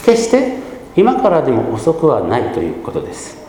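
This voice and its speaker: A pastor in his fifties from Gunma gives a measured sermon, pausing often with soft hesitations. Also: mid-range voice, wildly swooping pitch, roomy sound, big-room sound, slight background noise, poor audio. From Gunma, Japan. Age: 50s.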